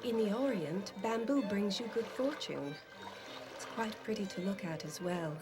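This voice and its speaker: A woman's voice: mid-range voice, expressive, normal speed, natural voice. A woman voicing a proper, wry newlywed passenger on an ocean liner, speaking with prim period diction in an adventure game. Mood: reproachful. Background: game music.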